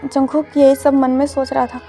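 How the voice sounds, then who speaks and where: A woman's voice: high-pitched, monotone, moderate pace, warm tone, soft background music. A woman casually retelling a fan-fiction love story, with many filler words.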